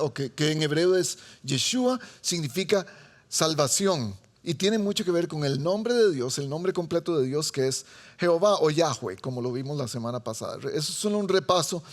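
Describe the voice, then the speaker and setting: A man with a Costa Rican accent preaching a sermon to a seated congregation, chatty and joking with them. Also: fairly high pitch. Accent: Costa Rican Spanish. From Costa Rica. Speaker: pastor. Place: church sanctuary before a seated congregation.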